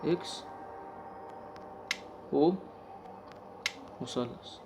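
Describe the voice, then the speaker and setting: A man's voice: medium pitch, drawn-out words, music in the background. A young man with an Egyptian accent, commentating a horror game he is playing, talking to himself and yelping when startled. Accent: Egyptian Arabic. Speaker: gaming channel host.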